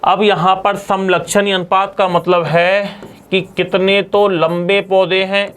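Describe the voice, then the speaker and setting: High, clear-voiced male teacher drilling students. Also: flat delivery, slow, fairly bright tone. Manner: asks students questions and answers them himself; repeats key terms for drilling. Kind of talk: classroom lecture.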